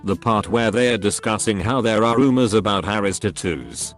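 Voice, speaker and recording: A man narrating a series of online posts, reading them aloud in a steady, even delivery. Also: on the low side, moderate pace, soft background music.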